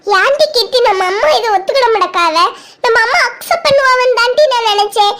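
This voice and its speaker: A woman's voice: extremely high pitch, lively intonation, quick pace, a bit bright. A woman voicing a stubborn, lovestruck teenage girl in a cartoon who talks earnestly and pleads. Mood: defiant.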